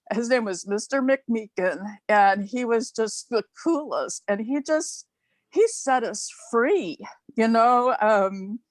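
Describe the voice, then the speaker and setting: Speaking in a fairly high voice with no echo, a new club member in her sixties from Ohio tells a heartfelt story on a video call. She is chatty and laughs between phrases.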